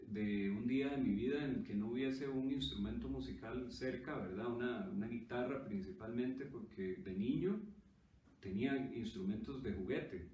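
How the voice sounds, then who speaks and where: A man's voice: mid-range voice, dark tone. A Costa Rican man, a musician, explaining at an easy pace in a thoughtful way and checking in with his listener as he goes. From Costa Rica. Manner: thoughtful, often adds "¿verdad?". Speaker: musician guest. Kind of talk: conversational interview. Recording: roomy distant mic with faint noise.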